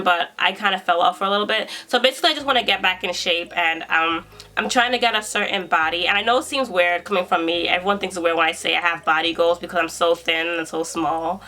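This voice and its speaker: A woman's voice: on the low side, fast talker, pushed and bright. A woman in her twenties from New York, chatting casually through a Q and A vlog as a YouTuber and hairstylist, breezy and self-assured. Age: 20s.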